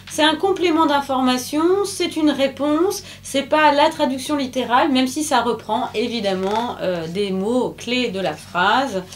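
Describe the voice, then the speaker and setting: A woman presenting a children's book in a casual, chatty way, with many hesitations and fillers, who laughs at her own jokes. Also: high voice.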